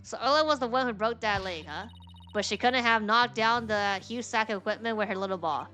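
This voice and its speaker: Lady doing an earnest young lawyer in a courtroom game, questioning, bright tone, music behind. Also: on the high side, a little fast. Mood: determined. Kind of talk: reading game dialogue aloud.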